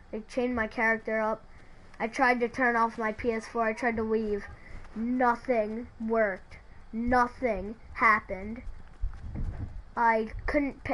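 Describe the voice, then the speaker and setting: Woman narrator, slow hesitant storytelling, faint background noise. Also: on the high side, a bit bright, low-quality recording. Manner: hesitant, halting with restarts. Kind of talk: creepypasta narration.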